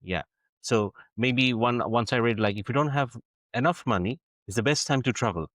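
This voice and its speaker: A man's voice: medium pitch, normal speed, a bit bright, dry recording. A man co-hosting a podcast, speaking earnestly with many repeated words and restarts. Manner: earnest, with frequent repetitions and restarts. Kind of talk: conversational interview.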